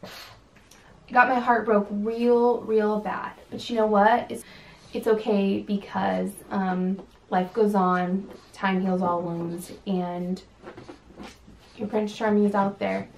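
A woman's voice: medium pitch, flat delivery, takes it slowly, gravelly, darkish tone, far from the mic. A young woman from California chatting casually on her channel, sassy and full of ums. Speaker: vlogger. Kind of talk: casual chat. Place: home room. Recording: echoey room with faint background hiss.

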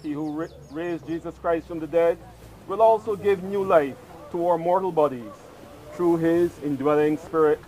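A man's voice: on the high side, moderate pace, mellow, rough recording. A clergyman solemnly declaiming scripture and prayers at an outdoor funeral. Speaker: officiating clergyman. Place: outdoor cemetery graveside. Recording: outdoor recording with noticeable background noise.

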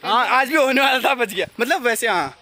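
A man's voice: very high-pitched, lively intonation, fairly quick, pushed and bright. A young man narrating a casual travel vlog while walking outdoors, talking into a handheld phone camera. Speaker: travel vlogger. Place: outdoors at a hill temple.

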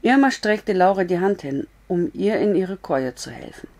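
A woman reading a novel aloud as a storyteller, in calm, measured narration. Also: on the low side.

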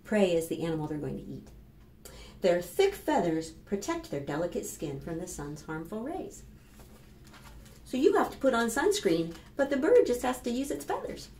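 In a small, plain indoor room with roomy echo and clear background noise, a woman in her fifties with an American accent leads preschool storytime. This children's librarian has a mid-range voice at a normal pace, reading and rhyming expressively and instructively while asking the young kids questions.

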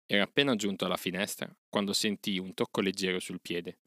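A man narrating a classic story aloud with a measured, expressive reading. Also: sits low, no echo, clean studio sound. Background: faint music.

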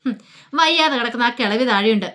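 A woman's voice: fairly high pitch, expressive, quick pace, bright, forceful tone. A woman voicing a cruel young man who taunts and threatens, in a sneering manner. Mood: taunting. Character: menacing young male villain, taunting and cruel.

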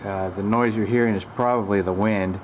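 Woman, extremely deep voice, casual product review, rambling with fillers, handheld camera, big barn. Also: fairly even intonation, normal speed, slight background noise. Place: large barn indoors, door open to wind.

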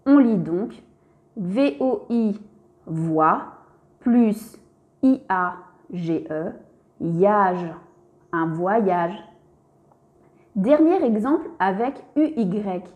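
A woman's voice: medium pitch, animated, very slow, pauses often, phone-quality sound. A woman narrating a scripted reading lesson for young children, spelling out letters and syllables one by one and speaking to the child directly.

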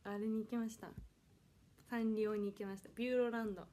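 A twenty-year-old woman from Kanagawa, Japan, who is trying out for idol auditions, hosts a casual solo livestream from inside her home. She talks fast in a slightly high, dark-toned voice with fairly even intonation, politely reading viewer comments aloud and apologizing often.

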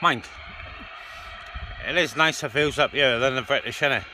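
A man with a medium-pitched, sharp voice talks at a normal speed, chatting casually and colloquially to a handheld phone or camera held by someone behind it. He's a CB radio hobbyist vlogging outdoors beside a car on open, breezy moorland, and the recording is noisy with vehicle and ambient sound.

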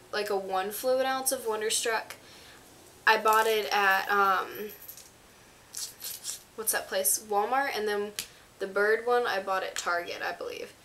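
A teenage girl with a congested, stuffy voice vlogs from her small bedroom, rambling casually as she shows off products to a camera on a stand in front of her. Her mid-range voice has a fairly bright tone, and she sounds under the weather. There's slight background noise.

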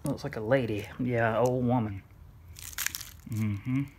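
A vlogger unboxing a gift talks loosely to his camera in a room at home, rambling, swearing freely and perking up excitedly as he opens things. His ordinary mid-range voice moves slowly, with loud crinkling paper, clicks and a little hiss or hum clearly behind it.

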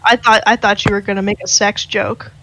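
A woman's voice: medium pitch, level tone, fairly quick, noisy background. A young woman co-hosting a podcast in casual chat, telling stories with lots of fillers and teasing her friends. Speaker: podcast co-host.

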